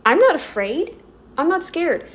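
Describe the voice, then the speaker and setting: A woman's voice: very high voice, very animated, a little slow. A North American woman rambling through an emphatic opinion commentary, speaking straight to her viewers. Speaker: commentary vlogger.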